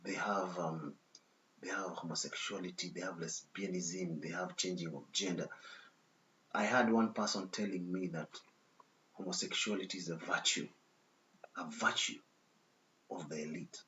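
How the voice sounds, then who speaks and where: A man's voice: low voice, steady tone, normal speed, pauses often, pushed and bright. A man reading a text aloud and breaking off into disapproving commentary, often checking in with "okay?" asides. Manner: disapproving, lecturing tone. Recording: dull lo-fi recording with faint hiss.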